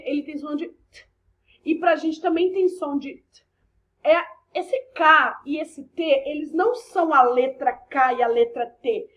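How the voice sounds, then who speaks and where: Brazilian lady teacher, high voice, keeps checking "ok?", muffled lo-fi sound. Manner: chatty, explains step by step, frequent asides and "ok?" checks. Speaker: English teacher. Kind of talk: recorded online class explanation.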